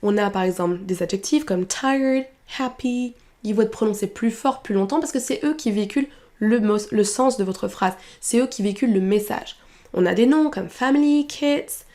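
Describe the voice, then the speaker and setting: A French-speaking woman teaching English pronunciation, explaining clearly and modeling English phrases slowly with strong stress. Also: mid-range voice, a little mellow. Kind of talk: French-language pronunciation lesson.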